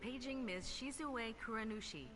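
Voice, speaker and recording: A woman playing a calm hospital announcer, paging a patient over a distant loudspeaker in a soft, measured way. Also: a little high. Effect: distant hospital loudspeaker page. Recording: faint far-off PA voice under game music. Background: game music.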